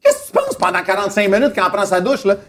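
A man's voice: high-pitched, huge pitch swings, very fast. A man, telling stories emphatically in a casual chat and asking rhetorical questions. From Montreal, Quebec. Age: 50s.

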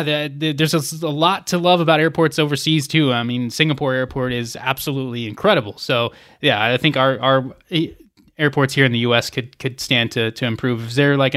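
A man's voice: on the high side, fairly even intonation, fairly bright tone, clear, resonant tone. A man hosting a travel podcast, affirming his guest and asking him questions. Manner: quick, affirming interviewer. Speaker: podcast host. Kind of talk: interview hosting.

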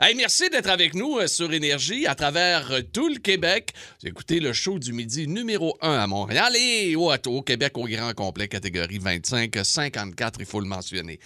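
A man's voice: medium pitch, very animated, fairly quick, hardly any pauses, pushed and bright, no echo, clean studio sound. A man with a Québécois accent co-hosting a radio show, teasing his partner and slipping into an announcer's delivery. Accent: Québécois French. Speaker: radio co-host. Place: radio studio. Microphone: studio microphone.

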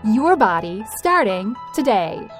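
A woman's voice: mid-range voice, big pitch swings, slow pace. A woman reading a scripted podcast intro in an upbeat promotional way. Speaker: show intro announcer. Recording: voice over background music.

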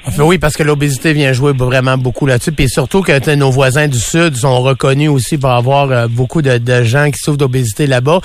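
A man with a Québécois French accent hosting a radio interview, asking questions in a halting way full of restarts. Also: medium pitch, steady tone, no room sound. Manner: hesitant, many fillers and restarts. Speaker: radio host.

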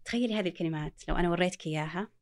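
A woman's voice: fairly low pitch, rapid-fire, a little mellow. A woman, explaining reading step by step with examples as a guest. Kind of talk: explanatory talk show chat.

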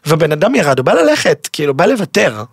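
Creaky-voiced man telling a dramatic story. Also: on the high side, dry recording, clean studio sound. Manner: lively, dramatic, quick shifts between loud and hushed. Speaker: podcast guest. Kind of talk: animated personal storytelling.

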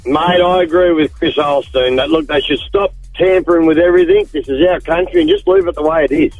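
Aussie bloke on a tinny phone calling radio, highish animated voice. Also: male voice, brisk, dry recording. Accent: Australian. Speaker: radio caller. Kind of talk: casual opinion on talkback. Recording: tinny phone line, music behind.

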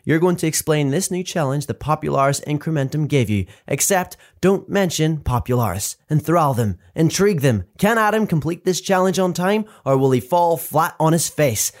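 A man voicing an excitable young boy giving himself an eager pep talk. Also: a little high, normal speed, hardly any pauses, natural voice.

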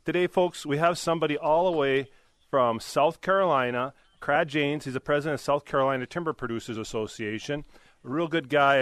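A man's voice: medium pitch, a bit bright, no echo. A man co-hosting a radio segment, talking in a chatty, jovial, rambling way. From Minnesota. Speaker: segment co-host. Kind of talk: casual radio talk.

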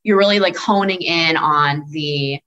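Woman podcast guest, lowish voice, casual, halting, lots of fillers. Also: fairly bright tone, lo-fi sound. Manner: filler-heavy, hesitant phrasing. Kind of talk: casual chat.

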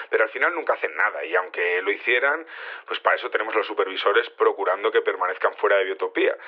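In an audio drama acted as a live call-in interview, a fairly low-voiced man plays an earnest, defensive head of security being interviewed on air. He sounds dismissive, explaining haltingly with frequent tags, and a phone-line filter makes the audio dull and band-limited.

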